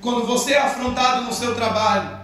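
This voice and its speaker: A man preaching an evangelical sermon with fervor, often shouting. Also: very high-pitched, steady tone, brisk. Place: church hall. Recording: echoey hall, far from the mic, with soft music.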